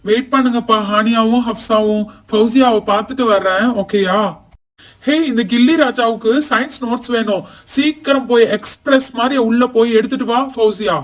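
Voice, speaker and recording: Schoolboy peacemaker doll , a woman voicing, mid pitch, slightly off mic. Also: fairly even intonation, moderate pace, distant mic, close to an everyday voice. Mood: friendly. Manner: coaxing peacemaker. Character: easygoing schoolboy Abdullah. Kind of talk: doll show role-play.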